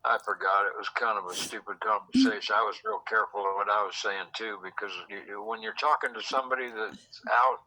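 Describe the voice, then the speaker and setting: A man's voice: fairly low pitch, lively intonation, brisk, vocal fry, bright, forceful tone, poor audio. A man telling a rambling story in casual chat, quoting people in dialogue, recorded in a secretly taped conversation. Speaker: host.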